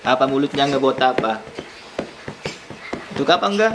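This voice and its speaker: A man's voice: mid-range voice, lively intonation, moderate pace, background noise. A man teaching a young child, patient and coaxing, asking many questions. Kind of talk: one-on-one lesson with a young child.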